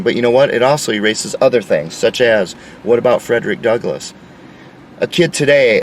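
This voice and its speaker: A man's voice: fairly low pitch, slight background noise. Lecturing man, distant outdoor mic. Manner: lecturing, insistent. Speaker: commentator. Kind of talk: opinion monologue.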